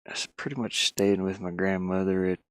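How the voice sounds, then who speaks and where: Working inside a van, a streamer and hobby game developer chats loosely and mumbles rambling asides to himself. His voice is low and steady, a little fast, captured in a dry, studio-quality recording.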